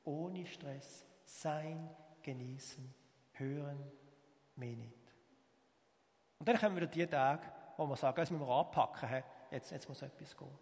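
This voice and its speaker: A man with a Swiss German accent preaches a sermon in a fairly high voice. He swings from emphatic, louder lines to quiet, drawn-out phrases. The sound rings with the long reverb of a church hall. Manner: emphatic rises and soft, slow pauses. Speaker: pastor.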